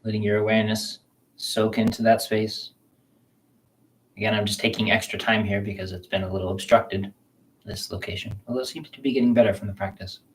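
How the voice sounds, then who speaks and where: A man with a fairly low voice leads a qigong self-massage session. He speaks slowly and gently, calmly guiding the listener's attention through the practice. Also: a little hiss or hum, poor audio. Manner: slow, calm, gentle guiding talk. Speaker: qigong teacher. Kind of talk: guided self-massage instruction.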